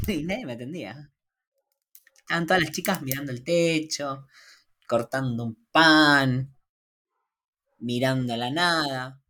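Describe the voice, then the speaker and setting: A woman with a Rioplatense Spanish accent, co-hosting a podcast and telling a casual anecdote in an animated, self-mocking way, acting out both sides of the dialogue. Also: very deep voice, measured pace, long pauses. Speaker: podcast co-host.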